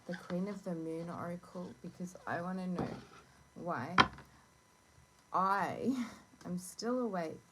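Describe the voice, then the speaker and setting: A woman who is unwell with a sore throat, giving a casual, halting card reading as host, with gentle instructive asides. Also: lowish voice. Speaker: tarot and oracle card reader hosting a reading. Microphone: phone. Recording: noisy phone recording with clicks.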